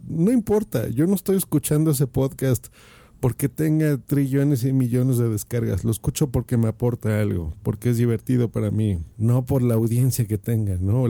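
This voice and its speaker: A man's voice: mid-range voice, creaky, warm tone, no echo. A Mexican man giving casual podcasting advice, talking into his phone and asking the listener rhetorical questions. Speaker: podcast host.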